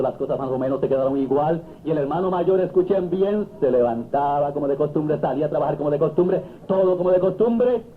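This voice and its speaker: A man preaching a sermon, telling the story with drama and jumping high on his exclamations. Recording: tinny lo-fi 1970s recording with faint noise.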